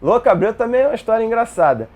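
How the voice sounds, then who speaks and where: A man, telling lively personal stories in a casual interview. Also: extremely high pitch, very fast. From Brazil. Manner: animated, acts out dialogue in his stories.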